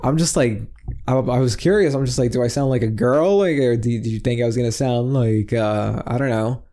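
Speaking briskly in a medium-pitched, dark-toned voice, this young man rambles through a casual podcast conversation on a headset mic. He uses lots of filler words and curses freely as a co-host.

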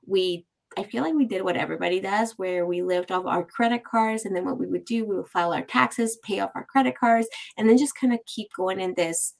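A woman's voice: medium pitch, brisk, vocal fry, few pauses, poor audio. A woman in her thirties co-hosting a podcast, chatting casually and laughing often. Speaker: podcast co-host. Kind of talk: casual chat.

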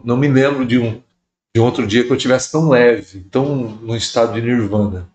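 Bishop guest, middle-aged male, animated storyteller who voices the people he quotes. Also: mid-range voice. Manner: lively storyteller who acts out quoted dialogue. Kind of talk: storytelling in a podcast interview.

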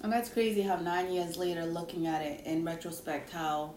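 A young woman hosting a casual podcast chat, telling a story with lively quoted voices. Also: on the low side, normal speed. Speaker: podcast host. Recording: echoey room with faint hiss.

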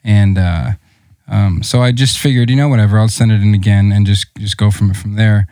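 A man's voice: on the low side, fairly quick, dry recording, studio quality. A young adult man from South Dakota hosting a podcast, telling stories in casual chat and acting out the voices of people he quotes. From South Dakota, USA. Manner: animated storyteller, acts out quoted voices. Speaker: podcast host.

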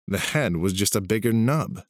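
Deep-voiced man narrating a story. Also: animated, moderate pace, no echo, clean studio sound.

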